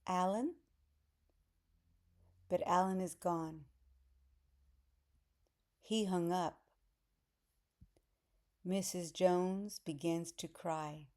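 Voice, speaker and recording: A woman narrating a simple storybook for easy readers in plain, deliberate phrasing. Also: on the low side, steady tone, darkish tone. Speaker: audiobook narrator.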